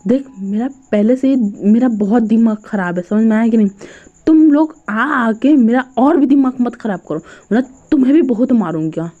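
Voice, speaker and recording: A woman voicing a hot-tempered young man who grumbles and scolds gruffly. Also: fairly high pitch, lively intonation, moderate pace, warm tone, highs cut off. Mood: angry.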